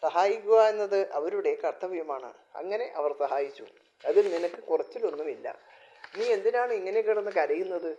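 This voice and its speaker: A man's voice: high-pitched, expressive, moderate pace, warm tone, slight background noise. A man voicing a proud warrior who consoles his king, read steadily in a storybook telling, on a dull lo-fi recording. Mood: earnest.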